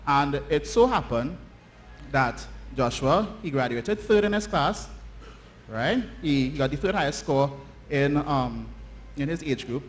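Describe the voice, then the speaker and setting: A Trinidadian man with a fairly high, expressive voice tells a story to children and the congregation in church, speaking a little slowly. He keeps it informal and conversational as the church's children's storyteller, checking in with listeners through short tag questions. The live church recording is noisy and often distant.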